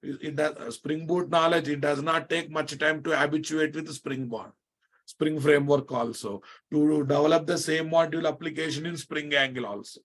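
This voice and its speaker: An Indian-accented man teaches a live online technical class in a slightly high voice. He repeats key phrases and regularly checks that his students are following. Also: fairly even intonation, moderate pace, fairly bright tone. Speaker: programming instructor.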